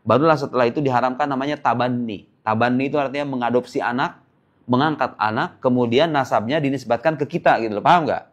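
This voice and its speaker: A man preaching in a relaxed, conversational lecture, with a voice of middling pitch. He keeps asking the listeners questions and answers them himself. He breaks in with playful, teasing asides. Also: quick pace. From Indonesia. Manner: lively, quizzing listeners with rhetorical questions. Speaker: Islamic preacher. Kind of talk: casual religious lecture.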